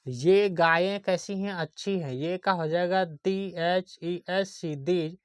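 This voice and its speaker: A man teaching basic English grammar in a slow, patient classroom manner, spelling words out letter by letter and often checking that students follow. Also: sits high, clean tone, dry recording, clean studio sound.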